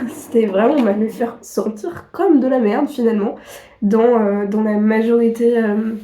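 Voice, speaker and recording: Young woman, sniffly cold, self-mocking chat, fairly high voice, mellow tone, echoey room. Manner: chatty, self-mocking, many fillers and laughs. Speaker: vlogger. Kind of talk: casual chat to camera.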